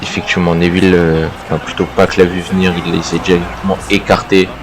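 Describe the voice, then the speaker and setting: A man gives wrestling commentary in a deep voice that stays fairly flat. He follows the action with measured, agreeing remarks, with noise audible behind him.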